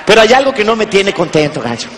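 A man's voice: high voice, big pitch swings, quick pace, fairly bright tone. A man playing a folksy old Chilean country grandfather. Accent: Chilean rural. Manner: rambling, folksy, repeats a pet word. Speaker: comedian. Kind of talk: stand-up character comedy. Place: large stage before an audience. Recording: long hall reverb.

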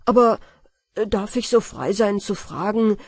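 A bold, cheeky young fisherman from a storybook, voiced by a woman reading aloud. He speaks eagerly and a little loudly in a breathy voice. His pitch bounces in a lively way. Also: measured pace, no room sound, clean studio sound.

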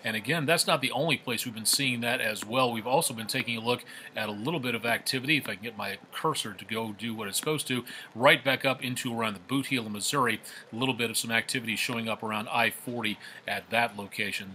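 A male TV meteorologist doing a live weather forecast, ad-libbing loosely and repeating himself, his voice coming through a faulty mic on a low-quality stream. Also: fast talker, pushed and bright, slight background noise. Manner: loose, repetitive, filler-heavy ad-libbing. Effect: low-quality stream audio from a faulty microphone.

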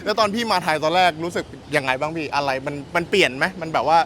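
A man's voice: on the high side, fast talker, a bit bright, a little hiss or hum. A man doing a casual interview, reacting with exclamations and echoing what he hears. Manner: reactive, exclamatory, echoes the answers.

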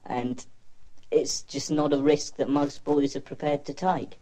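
A teenage boy giving quiet, matter-of-fact interview testimony through an electronically disguised voice. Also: on the high side, little pitch movement, a little slow. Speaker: anonymous pupil.

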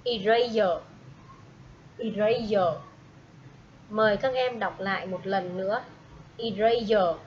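A woman teaching a primary school English class, speaking slowly and patiently and having pupils repeat each word after her. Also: mid-range voice. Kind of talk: slow classroom instruction with repeat-after-me drills. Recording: dull lo-fi audio with faint noise.

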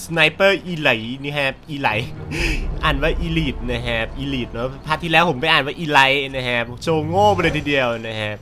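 A man hosting a game playthrough, his voice very bright and sharp. He jokes along politely, then bursts into excited yells and laughs as the action heats up. A faint hiss of noise sits under the recording. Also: a little high, moderate pace, hardly any pauses. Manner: polite, peppers speech with polite particles. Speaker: gaming channel host. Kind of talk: let's-play game commentary.

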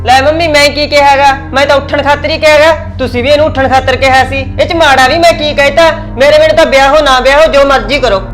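A high-voiced woman with a Punjabi accent talks fast and argues back in a village family skit. She is quick, sharp-tongued and defensive, and there is faint music under her voice. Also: steady tone. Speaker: daughter-in-law in a family skit.

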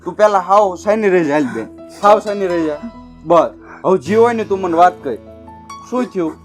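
A man plays a warm-hearted elder brother who gently coaxes and reassures. His voice is somewhat high for a man. Faint music runs underneath. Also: expressive, moderate pace. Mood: reassuring. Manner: reassuring, coaxing. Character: caring elder brother of the village girl. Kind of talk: village family drama acting.

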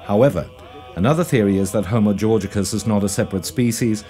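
A man narrates a documentary in a low, mellow voice. His scripted delivery is measured and formal, with music faintly underneath.

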